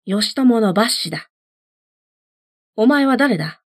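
A woman's voice: fairly high pitch, expressive, slow pace, no room sound, studio quality. A woman voicing a bold, boastful young boy warrior who speaks in a commanding way in a storybook reading. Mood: proud. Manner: commanding, proud.

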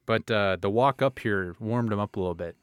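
A man's voice: fairly low pitch, a little fast, clear, resonant tone, no echo. A man co-hosting a casual podcast, making dry wisecracks. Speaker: podcast co-host. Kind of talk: casual chat.

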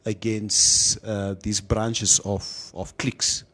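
A man's voice: on the low side, little pitch movement, takes it slowly, a bit bright. A man hosting a casual, opinionated discussion, slipping in Afrikaans phrases. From South Africa. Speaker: talk show host.

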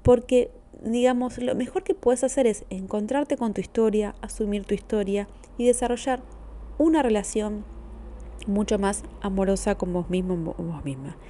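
Warm-toned Argentine woman encouraging gently. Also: mid-range voice, normal speed, slight background noise. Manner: gentle, encouraging, addresses the listener directly. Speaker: therapist podcast host. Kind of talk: motivational podcast monologue.

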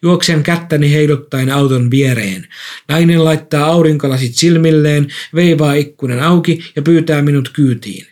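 Male narrator, slightly high voice, calm measured story reading. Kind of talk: first-person story reading.

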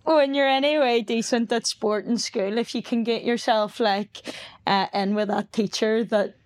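A woman's voice: on the high side, steady tone, unhurried. Young Donegal woman chatting casually. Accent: Donegal Irish. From County Donegal, Ireland. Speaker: podcast guest, newly qualified fitness coach. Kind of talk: casual chat.

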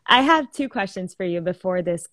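A woman hosting a live online conversation about spirituality, affirming her guest often and pausing with "um". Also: lowish voice, animated, dry recording. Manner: warm-hearted, affirming, many "um"s. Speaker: host of a live video chat.

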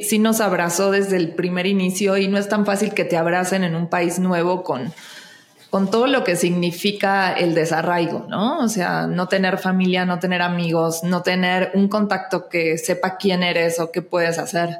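A woman's voice: lowish voice, steady tone, normal speed, reverberant. A woman from Argentina speaking with a Mexican Spanish accent, talking animatedly as a podcast guest, laughing often and restarting her sentences. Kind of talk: casual podcast conversation.

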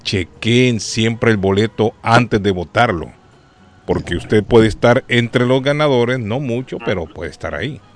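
A man's voice: medium pitch, animated, a little slow. A man hosting a talk radio show, chatting and teasing his guests and often repeating his points. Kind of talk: casual radio chat.

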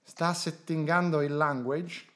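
A man's voice: on the high side, steady tone, slow, fairly bright tone. A man hosting a casual comedy podcast, teasing and joking with his friends. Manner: jokey, teasing banter. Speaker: podcast host.

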